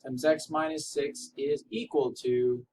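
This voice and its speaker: A male math teacher talks through an algebra lesson at a whiteboard, wisecracking and poking fun at himself. He slows right down to stretch out key terms, in a mid-range voice. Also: mid-range voice, fairly even intonation, darkish tone, slight background noise. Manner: jokey, self-deprecating, drags out key words. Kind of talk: recorded classroom lesson. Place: room with a whiteboard.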